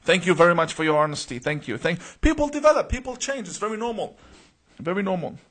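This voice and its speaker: A man from Iraq hosts a live Q&A stream, reading viewer names and comments aloud, then answering earnestly with many uh's and repeated words. His voice is high-pitched and fairly bright, with big pitch swings and a quick pace.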